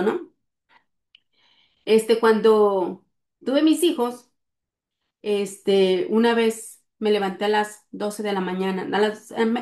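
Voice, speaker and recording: A woman's voice: a little high, creaky, darkish tone, reverberant. A middle-aged woman earnestly telling a personal story, with many fillers along the way. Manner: earnest, speaks with frequent fillers. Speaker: guest sharing testimony.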